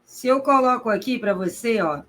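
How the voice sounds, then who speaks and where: Woman, teacher, exam-prep grammar lesson, didactic, rhetorical questions, drawn-out emphasis. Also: fairly high pitch, animated, a bit bright. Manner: didactic, addresses the student directly with rhetorical questions; stretches out key terms slowly for emphasis. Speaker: Portuguese teacher.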